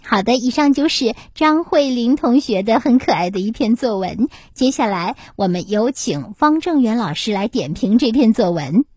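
A woman hosting a children's essay show, reading a pupil's story aloud in an animated, expressive way. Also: fairly high pitch, moderate pace, hardly any pauses, slightly rough, no room sound, clean studio sound. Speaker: children's essay reader and host.

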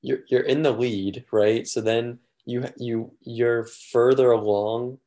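A man's voice: mid-range voice, steady tone, takes it slowly, mellow. A man in a casual podcast chat, talking hesitantly, with many restarts and fillers.

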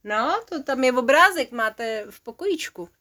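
A mother reading a bedtime story to her child, playful and lively. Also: sits high.

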